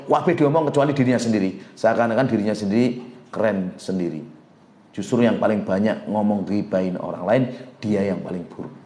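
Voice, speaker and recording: Echoey man preaching. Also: medium pitch. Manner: lively, acts out quoted dialogue and recites Arabic. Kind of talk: religious lecture.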